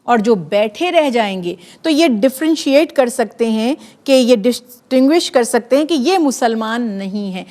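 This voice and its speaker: A woman giving an earnest, measured religious talk on a TV program, building her points through lists of repeated phrases. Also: a little high, darkish tone.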